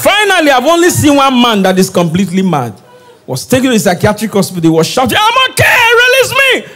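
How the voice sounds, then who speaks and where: A Nigerian man performing stand-up comedy, animated, shouting out his punchlines. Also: high-pitched, quick pace, faint music behind, a faint crowd.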